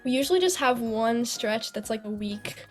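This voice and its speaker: A woman's voice: fairly high pitch, lively intonation, normal speed, soft background music. A teenage girl from the United States, answering interview questions earnestly, some answers sounding prepared. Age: teens. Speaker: young composer guest.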